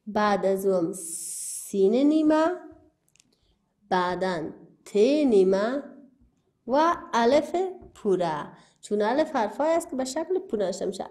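Woman teacher in Afghan Dari, lively. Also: a little high. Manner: spells out letters and syllables slowly, repeating words; asks questions, then answers them herself. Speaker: primary school teacher. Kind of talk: recorded classroom lesson.

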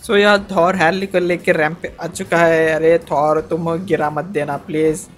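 A man giving excitable, chatty gameplay commentary as a channel host, often dropping in English fillers. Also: on the high side, measured pace, soft background music.

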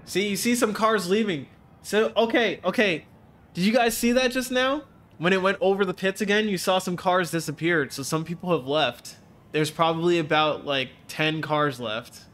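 A young man streams a racing game from home, his nose stuffed up as he chats easily with viewers, reads their messages, and jokes around. His voice sits high and a bit bright at a moderate pace, recorded on a desk mic with webcam framing.

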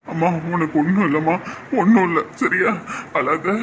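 A man's voice: fairly high pitch, moderate pace, noisy background, natural voice. A young man playing a husband and son who grumbles and sounds exasperated.

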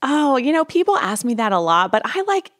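A woman's voice: high voice, big pitch swings, a little fast, a little hiss or hum. A woman in her thirties, a counselor, talking candidly and reflectively as an interview guest, with frequent ums. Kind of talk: conversational interview.

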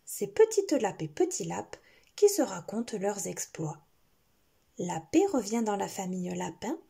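Slow, lively woman reading to a toddler. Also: medium pitch, vocal fry, breathy edge. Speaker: storyteller. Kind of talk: expressive picture-book reading for young children.

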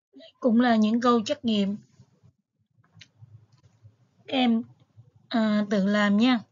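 A woman's voice: on the high side, highs cut off. A woman teacher, patiently going over exam material step by step with frequent fillers. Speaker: English teacher. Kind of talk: exam review lesson.

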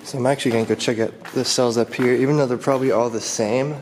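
Walking through a big abandoned building, a young vlogger talks to his audience in a curious, chatty way, recorded on a handheld camera mic. He has a mid-range, darkish voice with fairly even intonation and speaks fast.

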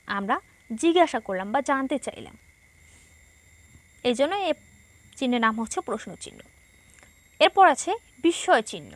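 A woman's voice: fairly high pitch, fairly bright tone, dry recording. A woman teacher from Bangladesh explaining a textbook lesson, patiently repeating each point and asking herself questions.

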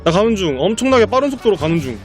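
Very high-voiced excitable male streamer. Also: rapid-fire, over music. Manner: profane, excitable, laughs a lot. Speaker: game streamer. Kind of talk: live game stream commentary.

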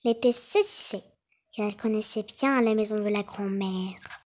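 A woman narrating a children's fairy tale in an expressive, dramatic storytelling manner. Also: medium pitch, normal speed.

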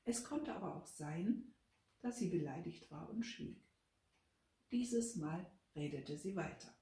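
A woman author reading from her novel with an expressive, lively delivery. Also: on the low side, takes it slowly. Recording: roomy, from a distance.

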